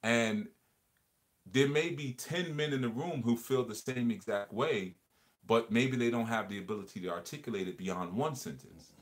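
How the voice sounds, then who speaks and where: A man hosts a casual livestream discussion in a medium-pitched voice at normal speed. He's earnest and reflective, frequently repeating words and phrases as he builds and explains his point.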